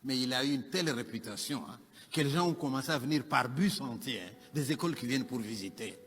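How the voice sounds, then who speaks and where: A man telling a joke as a lively story, with asides to his listeners. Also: medium pitch, fast talker, slightly rough. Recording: long hall reverb, faint music.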